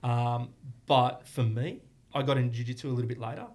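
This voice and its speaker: A man's voice: mid-range voice, steady tone, a little fast, a little mellow. A man, a martial arts academy owner and guest on a podcast, speaking earnestly in long flowing explanations. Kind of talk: casual podcast interview.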